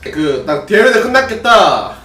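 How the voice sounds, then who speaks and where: A man's voice: high-pitched, sing-song, a little slow, bright, forceful tone, distant mic. A young man with a Gyeongsang accent, a former pro gamer chatting casually with his viewers on a solo drinking livestream and answering their questions. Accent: Gyeongsang Korean. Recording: roomy livestream audio with faint music.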